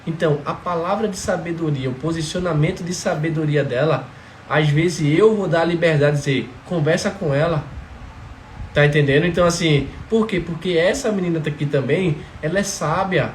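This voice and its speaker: Animated man, echoey room. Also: on the high side, a little fast. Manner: animated, emphatic, keeps asking "entendeu?". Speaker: father sharing about his family. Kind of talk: casual testimony talk. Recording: echoey room with faint background noise.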